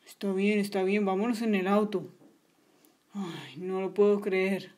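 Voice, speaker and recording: A woman voicing a tired, skeptical male police officer in a toy story, talking low and doubtfully. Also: fairly even intonation, unhurried, darkish tone, lightly acted. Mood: weary.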